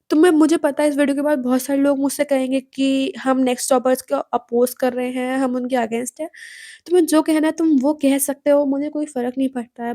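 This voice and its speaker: A woman's voice: high-pitched, dark tone, no echo, studio quality. A young woman student talking straight to her viewers, lecturing them and asking pointed questions. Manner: direct, lecturing, asks the audience pointed questions. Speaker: student commentator. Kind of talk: casual commentary to viewers.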